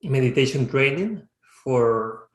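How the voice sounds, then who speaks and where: A man's voice: mid-range voice, expressive, slow. Reflective man from Peru, roomy sound. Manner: reflective, searching for words with frequent restarts. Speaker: startup founder and CEO. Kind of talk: casual interview answers.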